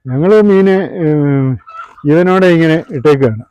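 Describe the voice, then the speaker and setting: A man's voice: fairly high pitch, lively intonation, unhurried, warm tone, low-quality recording. A man casually talking through his work as a fish seller and vlog host. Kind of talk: casual vlog commentary while handling live fish. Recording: clear background noise with clicks.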